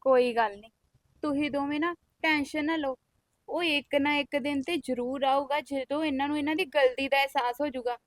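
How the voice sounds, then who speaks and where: Actress as a spirited young woman, high-pitched, firm reassurance, dry close recording. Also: steady tone, brisk, dry recording, close to an everyday voice. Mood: reassuring. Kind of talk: family drama acting.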